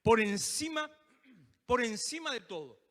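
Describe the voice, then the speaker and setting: A man with a Rioplatense accent delivers a lively sermon. His voice sits high and sounds bright and forceful. The sound comes from a church hall with a long, ringing reverb. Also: measured pace. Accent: Rioplatense Spanish. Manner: animated preaching, acting out quoted prayers, joking asides. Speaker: pastor.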